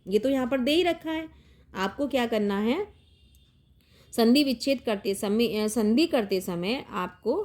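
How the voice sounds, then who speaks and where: A woman's voice: fairly high pitch, a little mellow. A middle-aged woman teaching an exam-prep grammar lesson, explaining rules step by step and often checking in with the listener.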